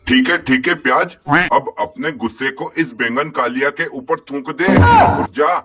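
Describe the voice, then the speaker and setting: A man's voice: medium pitch, very animated, a little slow, a bit bright. A man voicing a bossy, joking male potato who leads the vegetables in a comic cartoon. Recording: music playing behind.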